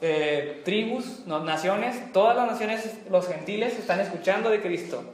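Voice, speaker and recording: A man leads a Bible class in a church room. His voice sits fairly high for a man, and the room adds a clear echo. He quizzes the group and explains points with simple comparisons. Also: unhurried, a little hiss or hum. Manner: asks the group questions, explains with everyday comparisons. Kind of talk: church Bible study lesson. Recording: echoey room.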